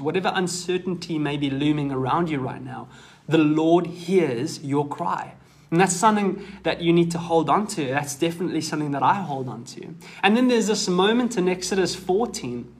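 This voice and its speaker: A man preaching a sermon, earnest and measured, pausing with the odd um as he explains scripture. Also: a little high.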